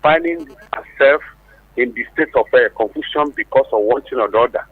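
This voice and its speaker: A man's voice: mid-range voice, fairly quick. A man calling into a radio show over a phone line, speaking in rambling, flowery formal phrases full of fillers. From Nigeria. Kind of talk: call-in comment on a radio show. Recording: muffled phone line with hum.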